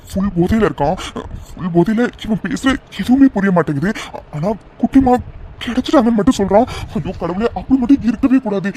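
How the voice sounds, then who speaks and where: Cartoon: man voicing a bewildered young male best friend; high, fretful, exasperated. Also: darkish tone, a little hiss or hum. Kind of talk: cartoon voice acting.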